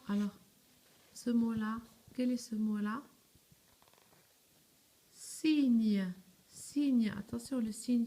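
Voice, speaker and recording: A young primary school teacher with a warm, fairly high voice gives a slow, step-by-step spelling lesson to young children. She patiently asks questions and answers them herself, spells words out letter by letter, and often checks "d'accord?" to make sure they're following.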